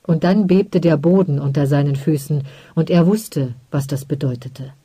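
An audiobook narrator reading a story in a measured, calm way. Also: mid-range voice, breathy edge, no echo. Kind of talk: scripted narration.

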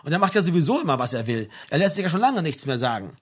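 A man's voice: a little high, big pitch swings, racing, breathy edge. A man voicing a hesitant, rambling older father in an audiobook. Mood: fussy. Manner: ponderous, rambling.

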